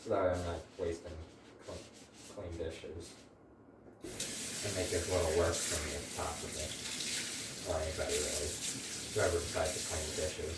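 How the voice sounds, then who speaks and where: A man's voice: low voice, level tone, moderate pace, pauses often, heavy background noise. A man chatting casually to the camera while cooking in his home kitchen, rambling with wry little asides. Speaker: home cook, channel host.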